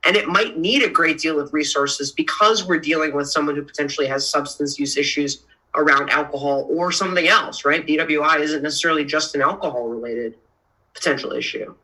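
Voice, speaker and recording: A woman's voice: sits low, a little fast, sharp tone, low-quality recording. A woman speaking at a public policy council meeting, pressing her questions and repeating key phrases for emphasis. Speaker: council member.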